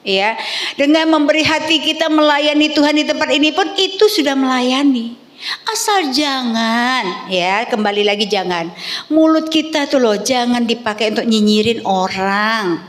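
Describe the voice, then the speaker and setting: Middle-aged lady pastor preaching, kinda high voice, big echoey church hall. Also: moderate pace. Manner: animated storytelling, asks the congregation questions. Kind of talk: sermon. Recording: echoey hall with long reverb.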